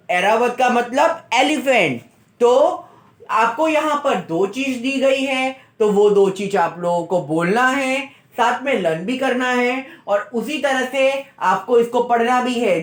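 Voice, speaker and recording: A man's voice: very high-pitched, animated, slow, a bit bright. A male school teacher giving a recorded lesson to young children, patiently repeating and spelling out letter sounds one at a time. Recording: roomy echo.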